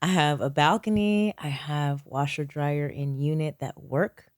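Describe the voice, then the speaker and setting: A woman's voice: sits low, steady tone, measured pace, no room sound, studio quality. A woman from upstate New York, guesting on a podcast, chatting casually with frequent laughs and wry comebacks. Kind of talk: casual chat.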